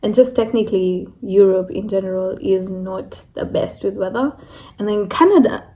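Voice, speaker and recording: A woman's voice: medium pitch, normal speed, warm tone, rough recording. A young woman from Kenya, talking candidly in a casual vlog, with lots of "like" and "you know". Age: young adult. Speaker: international student vlogger.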